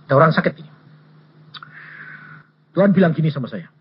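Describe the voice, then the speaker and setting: A male evangelist preaching a sermon, telling stories and acting out dialogue in an animated way. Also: a little high, a little fast, breathy edge. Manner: animated, acts out dialogue, raises voice. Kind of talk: sermon with personal storytelling. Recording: dull lo-fi recording.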